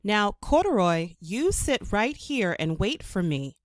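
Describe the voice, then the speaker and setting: Woman voicing an expressive, earnest little girl. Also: medium pitch, takes it slowly, no room sound, clean studio sound. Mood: affectionate. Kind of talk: children's storybook character.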